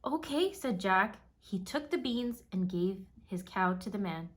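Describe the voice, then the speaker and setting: A children's storybook is read aloud by a woman of medium pitch, whose narration is measured and full of expression.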